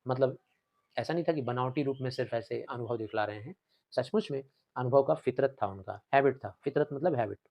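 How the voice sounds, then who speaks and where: A man's voice: medium pitch, fairly quick, darkish tone. A young man teaching a Hindi play, reading the lines aloud and explaining the words plainly.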